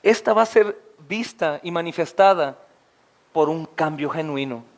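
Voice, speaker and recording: A man over forty preaching an expository sermon as pastor, impassioned, often calling out to his listeners as brothers and climbing into high, emphatic questions. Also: lively intonation, a little slow.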